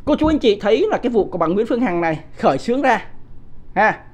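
A man's voice: sits high, very animated, fast talker. A man, hosting a livestream of political commentary. He talks off the cuff, keeps asking the audience rhetorical questions, and scolds commenters bluntly. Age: 50s. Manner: combative, scolds viewers in blunt coarse language.

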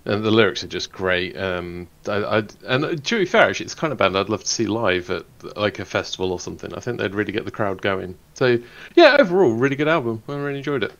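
A man's voice: fairly low pitch, big pitch swings, quick pace, a bit bright, highs cut off. A man giving a casual album review, chatty and filled with ums, likes and "you know". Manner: chatty, laughing, many fillers. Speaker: panelist reviewer.

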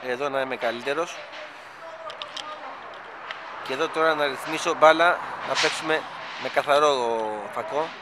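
Greek fan vlogger, high voice, eager chat, outdoor site noise behind. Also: male voice, fairly even intonation. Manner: chatty, enthusiastic, addresses viewers as "guys". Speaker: fan vlogger filming a stadium construction site. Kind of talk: casual handheld vlog commentary. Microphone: camera mic, filming handheld.

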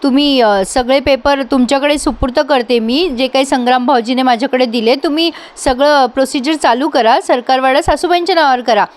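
A woman's voice: high voice, fairly quick, hardly any pauses, natural voice. A woman voicing an earnest, stubborn young daughter-in-law in a serial recap, speaking in a pleading way.

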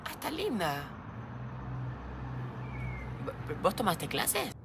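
A woman's voice: on the low side, huge pitch swings, takes it slowly. A woman chatting casually, playful and teasing. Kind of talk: casual chat. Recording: noisy background.

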